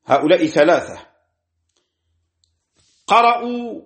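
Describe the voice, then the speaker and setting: A male teacher lecturing on jurisprudence and Quranic readings, his voice pitched a little high and moving lively up and down. He stretches key words out slowly and stops to cite books and page numbers. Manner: deliberate, drawing out key words and citing sources.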